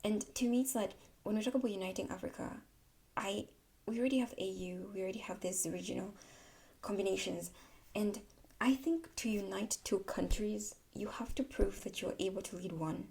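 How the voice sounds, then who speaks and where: A political vlogger from Tanzania, whose first language isn't English, shares a candid opinion monologue straight to camera in a casual style, leaning on repeated words for emphasis. Her medium-pitched voice is steady, gravelly and darkish, at a normal pace.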